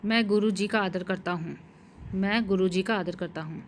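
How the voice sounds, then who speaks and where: A woman teaching Hindi spelling and grammar, slowly repeating each word and correct sentence and spelling out the vowel marks. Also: mid-range voice, slight background noise. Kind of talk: slow dictation-style lesson.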